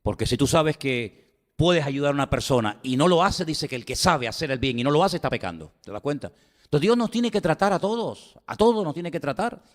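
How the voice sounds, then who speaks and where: Spanish pastor preaching in an echoing hall. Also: male voice, fairly high pitch, expressive, fairly quick. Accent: Spain Spanish. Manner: emphatic, repeats phrases, asks the congregation rhetorical questions. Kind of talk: sermon.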